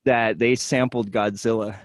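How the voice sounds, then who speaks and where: A man's voice: on the low side, fairly even intonation, measured pace, no echo. A man chatting on a video call as a club member, sharing stories in an eager, slightly hesitant way. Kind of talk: casual chat on a video call.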